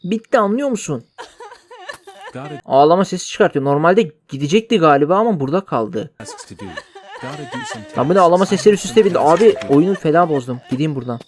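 A man's voice: a little high, expressive, fast. A man giving joking, mock-outraged let's play commentary while translating game dialogue aloud. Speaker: gaming YouTuber.

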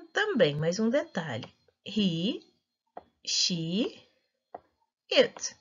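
A woman's voice: medium pitch, slightly rough. A woman with a Brazilian Portuguese accent, an English teacher carefully explaining grammar to her students and drawing out her example phrases. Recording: dull lo-fi recording.

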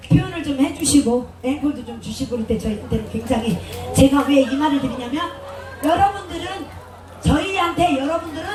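High, effusive woman on a festival stage. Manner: joking, chatty, effusive thanks. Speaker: stage performer. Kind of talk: banter with a live audience. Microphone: stage PA microphone. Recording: echoey PA sound, taped from far off, crowd noise.

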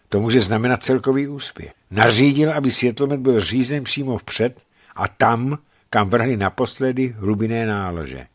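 Brief: male radio reader, steady measured narration, mid-range voice, dead-dry studio. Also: mid-range voice, dry recording. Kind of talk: scripted narration of a novel.

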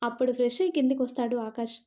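High-voiced woman narrating a story. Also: steady tone, very fast, warm tone.

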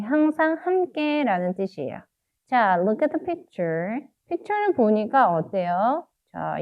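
A woman teaching English phonics to children, explaining in Korean, patiently repeating each English word slowly and drawing it out. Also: medium pitch. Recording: dull lo-fi recording.

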